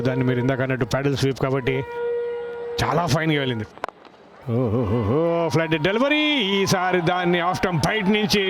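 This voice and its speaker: A man's voice: fairly high pitch, background noise. A man giving conversational Telugu cricket commentary as a co-commentator.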